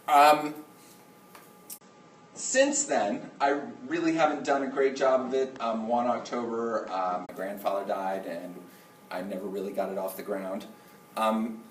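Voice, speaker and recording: A man, a middle school teacher, making an informal, halting announcement to his class and often checking in with an okay. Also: medium pitch. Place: indoor classroom with students. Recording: roomy classroom, distant mic, faint noise.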